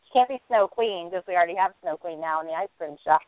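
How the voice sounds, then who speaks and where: A woman's voice: fairly low pitch, fast talker, no room sound. A woman co-hosting a casual podcast, chatty and given to dry one-word quips. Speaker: podcast co-host. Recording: dry phone-like audio.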